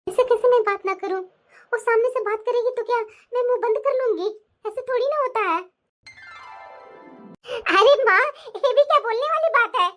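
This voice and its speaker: Talkative young cartoon bride. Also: female voice, extremely high pitch, normal speed, long pauses, fairly bright tone, faint music behind. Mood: aggrieved. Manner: protesting, chatty. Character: young outspoken daughter-in-law, lively and talkative. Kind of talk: animated cartoon voice acting.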